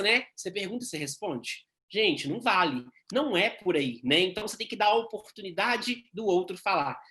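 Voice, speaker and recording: A man, teaching nursing students in a quick, animated lecture full of tag questions. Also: sits high. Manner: fast-talking, frequent tag questions, animated. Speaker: nursing instructor. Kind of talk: recorded lecture.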